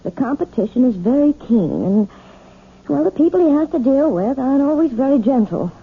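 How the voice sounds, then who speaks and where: A woman playing a gentle, anxious married piano teacher in a radio drama, speaking hesitantly and evasively. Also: sits high, expressive, normal speed, husky, heavily acted. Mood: hesitant, confiding. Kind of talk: 1970s radio drama acting. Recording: muffled, phone-like old radio recording.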